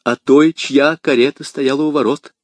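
A man's voice: mid-range voice, fairly even intonation, moderate pace, dry recording, voice pushed up, close to an everyday voice. A man voicing a young woman in love who is poisoned, speaking tenderly and then weakly. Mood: anxious. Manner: tender, breathless, then weak.

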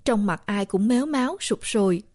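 A woman narrating a first-person story in a steady, somber reading voice. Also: medium pitch, normal speed, no room sound, studio quality.

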